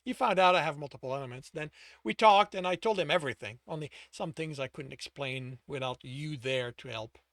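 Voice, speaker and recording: A man's voice: fairly high pitch, a little fast, fairly bright tone, no echo. A man reading aloud, voicing a blunt young male dungeon runner in a plain, matter-of-fact way.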